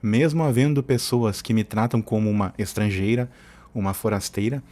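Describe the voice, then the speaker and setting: Here a man from southern Brazil hosts informal commentary on his opinion channel in a fairly low, mellow voice at a moderate pace. He argues his points in an opinionated, colloquial manner and tends to wander into tangents.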